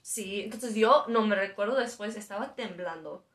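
A woman's voice: mid-range voice, normal speed, a bit bright. A woman casually telling a story as a podcast guest, laughing as she talks. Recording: echoey room.

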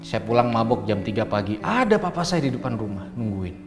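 A middle-aged man from Ambon tells his life story with earnest feeling, and his voice drops low and soft whenever the memories turn tender. His voice carries a long reverb, as if the room were large, with faint guitar music behind him. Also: big pitch swings, brisk. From Ambon, Indonesia. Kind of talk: emotional personal storytelling.

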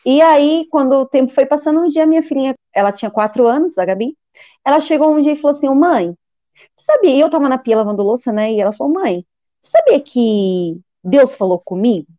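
Fast, high-voiced woman giving testimony. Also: dry recording, lo-fi sound. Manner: animated, acts out quoted voices and prays aloud. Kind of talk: emotional personal testimony.

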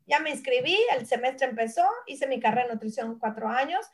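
Woman, forties, from Mexico, high voice, animated storyteller, casual interview guest. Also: a little fast. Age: 40s. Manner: animated storyteller who acts out family voices. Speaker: guest, nutritionist and brand founder. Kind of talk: casual conversation.

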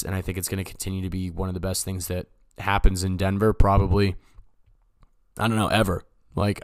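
Smooth and low, this man's voice comes through studio-quality audio with no room sound. He runs a laid-back solo comedy podcast, talking in a jokey, profane, rambling style that's full of self-interruptions, much like stand-up.

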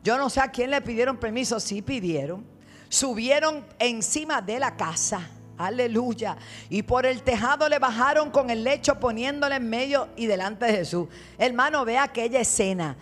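A woman's voice: normal speed, faint music behind. Fervent woman preaching. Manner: fervent, dramatic retelling of scripture, dropping to low asides. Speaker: guest preacher. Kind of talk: sermon.

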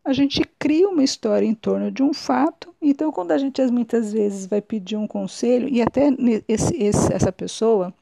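A woman's voice: a little high, moderate pace, gravelly, hardly any pauses, dark tone, no echo. A woman hosting a podcast. She gives a reflective solo monologue, musing and often restarting or correcting herself. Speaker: podcast host.

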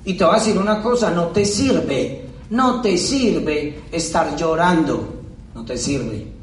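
A man with a high voice delivers an emphatic motivational speech to an audience. He repeats his key lines and throws out rhetorical questions. His voice echoes around a large hall and is picked up from a distance. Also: takes it slowly, slight background noise. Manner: emphatic and repetitive, drives points home with rhetorical questions. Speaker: motivational speaker at a business event.

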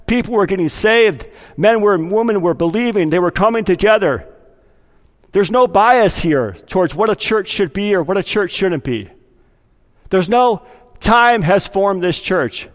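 A man's voice: high voice, long reverb tail. A man preaching a sermon as pastor of a church, talking conversationally, acting out quoted voices and asking his congregation questions. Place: church sanctuary.

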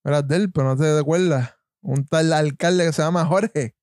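A Puerto Rican man with a somewhat high voice banters and mocks in loose, joking chat. The sound is dry and close, with no room around it. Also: normal speed, a little mellow, no room sound. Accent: Puerto Rican Spanish. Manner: joking, mocking, laughs often. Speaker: podcast co-host. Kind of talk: casual banter.

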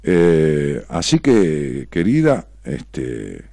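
A man's voice: very deep voice, wildly swooping pitch, extremely slow, vocal fry, dark tone, no room sound, clean studio sound. A middle-aged man with a Rioplatense Argentine accent, hosting a radio call-in talk show, reading listener messages and answering them sarcastically and provocatively, swearing freely. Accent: Rioplatense Argentine Spanish. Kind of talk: blunt on-air commentary reading messages.

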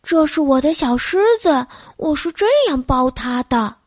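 A small, shy storybook boy who clings to his toy lion, put on by a woman narrator. He speaks gently and a touch higher than the narrator. The voice stays dry and close. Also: measured pace, slightly rough, no echo. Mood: gentle.

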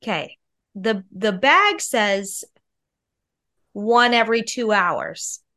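Stuffed up with a cold, this podcast co-host in her thirties tells stories in a confiding, casual way. She sounds animated yet slow, her mid-range voice carrying a sharp tone.

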